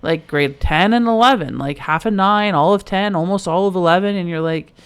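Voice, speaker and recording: A middle-aged woman, co-hosting a podcast in casual, animated chat, full of "like". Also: fairly low pitch, fairly quick, clear, resonant tone. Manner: chatty, fillers of "like", animated storytelling. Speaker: podcast co-host.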